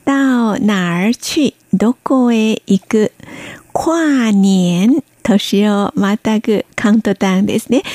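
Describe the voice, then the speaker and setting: A woman's voice: mid-range voice, warm tone, dry recording. A woman teaching a Chinese language lesson, patiently spelling out pronunciation and tones step by step. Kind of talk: slow careful language lesson.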